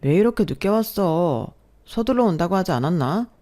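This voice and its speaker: A woman's voice: lowish voice, expressive, moderate pace, warm tone, lightly acted. A woman voicing a young boyfriend who snaps sharply and then turns placating and defensive. She reads it within a storybook narration.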